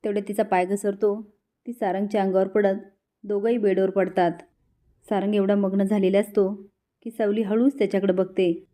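A woman narrating an episode recap in a steady storytelling manner. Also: medium pitch, moderate pace.

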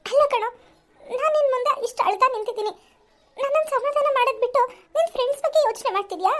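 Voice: very high voice, very fast. A performer voicing a weepy, possessive young woman in a home-made cartoon. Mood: weepy complaining. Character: fretful young woman, Bharat's bride-to-be.

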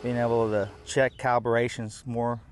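A man's voice: mid-range voice, level tone, moderate pace. A middle-aged farmer talks plainly about his work, using easy fillers. His voice sits in a middle register. Faint outdoor noise runs behind him. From United States. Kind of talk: on-camera interview.

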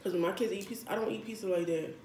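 An American woman hosts a casual eating show, talking between mouthfuls of crunchy chips. Her pitch is average for a woman. The room is echoey, with faint noise behind her. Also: fairly even intonation, very fast, a little mellow. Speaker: mukbang host. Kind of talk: casual chat while eating. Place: indoor room at a table.

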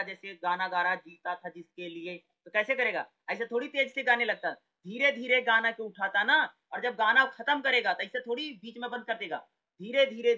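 A man's voice: high voice, bright, forceful tone, highs cut off. A man teaching an exam-prep lesson in a conversational way, often asking a question and then answering it himself. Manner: conversational, repeats words, asks and answers his own questions.

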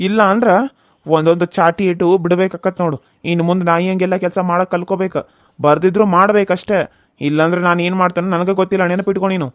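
Cartoon husband voiced by a man: domineering, quick to threaten, high and fast, North Karnataka Kannada accent. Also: no room sound, studio quality, natural voice. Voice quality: bossy, threatening. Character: bullying hot-tempered young husband. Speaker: voice actor. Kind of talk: cartoon serial voice acting.

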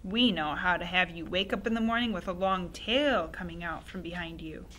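A woman's voice: on the low side, moderate pace, a bit bright, a little hiss or hum, natural voice, poor audio. A woman reading aloud and voicing a sinister old grandmother who seems to be a witch, relishing and wheedling by turns. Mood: throaty whisper. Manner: relishing, wheedling, then throaty whispering.

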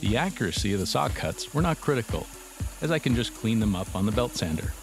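A middle-aged metalworking instructor narrates a workshop how-to in a dry, matter-of-fact scripted style, dropping in wry asides. His fairly low voice is very animated and fast, recorded as a voice-over with a music bed.

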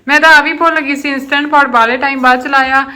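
A woman's voice: sits high, steady tone, fast, pushed and bright. A young woman chatting casually and expressively as she vlogs her cooking at home. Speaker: family vlogger. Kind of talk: casual chat while cooking. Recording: roomy echo, faint background noise.

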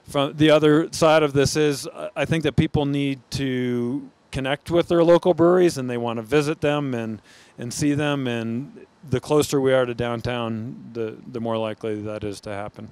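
A man's voice: medium pitch, darkish tone, smooth, no echo. A middle-aged American man, a brewery founder, being interviewed on a brewery floor with a handheld mic. He answers thoughtfully and often restarts his sentences. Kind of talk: on-camera interview. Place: large brewery floor among steel tanks.

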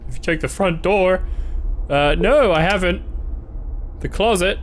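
With a high, unhurried voice, a young man hosts a gaming video, giving playful, casual let's-play commentary as he reacts and reads the game's text aloud.

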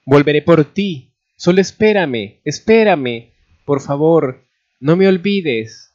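A man's voice: lowish voice, lively intonation, drawn-out words, muffled recording, exaggerated voice. A man reading a story aloud and voicing a lovesick young blond man with an emotional, pleading voice.

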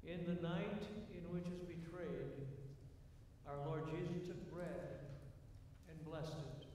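A man leading liturgical prayers in a measured, intoned way, his voice ringing with a cathedral-like echo in a large church sanctuary. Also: a little high, fairly even intonation, warm tone. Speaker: worship leader. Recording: roomy church echo from far off, faint noise.

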